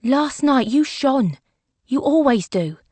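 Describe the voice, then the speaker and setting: A woman narrator voicing a blunt, worldly woman thief who talks frankly but with hushed fondness. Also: medium pitch, a little fast, dry recording, close to an everyday voice. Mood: fond.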